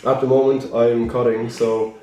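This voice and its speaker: A young man chatting casually as a fitness vlogger, his voice hoarse and worn, chuckling between answers. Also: mid-range voice, little pitch movement, normal speed, a little mellow, a little hiss or hum. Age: young adult. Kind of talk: casual chat. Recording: echoey room with music behind.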